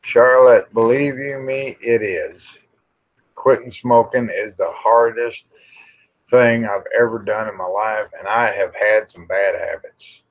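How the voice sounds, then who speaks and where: A middle-aged or older American man hosts a casual, rambling livestream chat, plain-spoken and folksy with some mild cussing. His voice is lowish and steady, and he speaks slowly. The livestream audio is dull and lo-fi.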